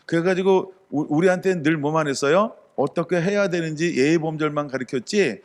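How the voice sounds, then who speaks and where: A man's voice: a little high, normal speed. A middle-aged male pastor preaching in a conversational way, asking the congregation questions and acting out short quotes. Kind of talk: sermon.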